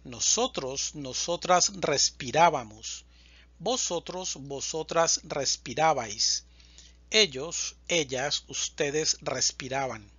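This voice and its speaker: A man teaching a slow, deliberate verb conjugation lesson, reading word lists with even spacing. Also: fairly high pitch, breathy edge, no room sound, highs cut off. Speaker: Spanish teacher.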